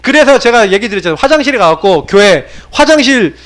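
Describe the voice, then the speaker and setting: A South Korean pastor preaches to his congregation in a church sanctuary, swinging from raised exhortation to low, confiding tones and posing many rhetorical questions. His delivery is sing-song, fast and fairly bright in tone.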